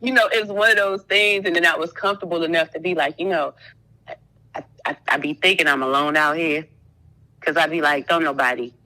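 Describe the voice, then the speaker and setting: A woman in casual chat, telling an animated story, acting out quotes and laughing often. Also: low voice, fairly quick, poor audio. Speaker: student.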